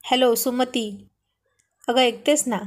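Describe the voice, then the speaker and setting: A woman's voice: on the high side, takes it slowly. A woman voicing a young husband teasing his wife on the phone in a Marathi storybook reading. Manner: gentle playful teasing.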